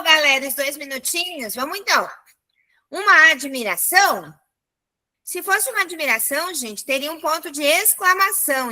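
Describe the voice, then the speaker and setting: A young woman teaching a live online class for children, in a lively, chatty Brazilian Portuguese manner that keeps calling out to the whole class. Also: sits high.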